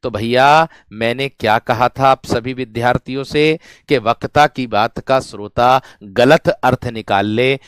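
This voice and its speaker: In a dry, clean studio recording, a male Hindi teacher with a medium, slightly bright voice teaches grammar to students. He repeats every phrase again and again, addressing them as his friends and his brave ones.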